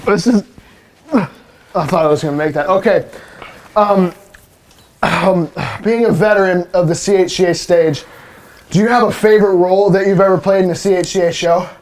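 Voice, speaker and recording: A man's voice: high-pitched, normal speed, long pauses, darkish tone. A young man hosting a casual hot sauce challenge interview, coughing and gasping as he eats spicy food. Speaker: host.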